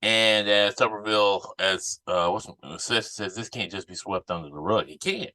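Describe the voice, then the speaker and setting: A man's voice: on the low side, moderate pace, bright, forceful tone, no room sound. A man giving off-the-cuff political commentary as a podcast host, indignant and emphatic, often repeating phrases for emphasis.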